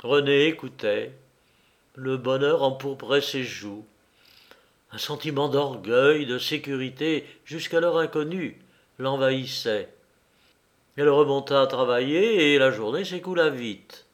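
A man reading a novel aloud as narrator, in measured, unhurried storytelling. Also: mid-range voice.

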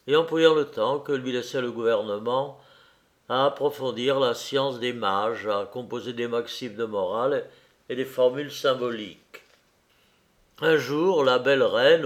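Slow, measured male storyteller. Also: medium pitch. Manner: measured, deliberate reading. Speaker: narrator. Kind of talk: scripted storybook narration.

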